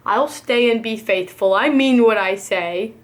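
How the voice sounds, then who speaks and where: A woman voicing a huge, gentle, faithful male elephant from a children's storybook in an earnest, deliberate manner. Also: on the high side, natural voice.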